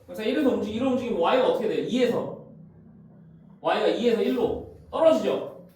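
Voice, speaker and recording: In a very echoey room, far from the mic and with faint background noise, a man teaches a math class, walking through graphs on the board. His high-sitting, darkish voice is animated, and his brisk, informal lecture keeps pausing to check that the students follow.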